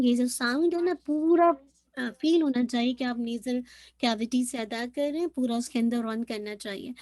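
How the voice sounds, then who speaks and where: A woman's voice: fairly high pitch, darkish tone, no echo. A woman teaching Quran recitation in an online lesson, patiently demonstrating sounds and often checking that her students follow. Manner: patient, demonstrates sounds slowly and repeats them; frequently checks in with the class.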